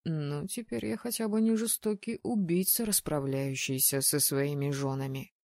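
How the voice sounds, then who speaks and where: A woman voicing a young male mage who speaks softly with gentle irony. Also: sits low, fairly even intonation, normal speed, no echo, clean studio sound, voice pushed down. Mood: ironic. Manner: soft, gently ironic.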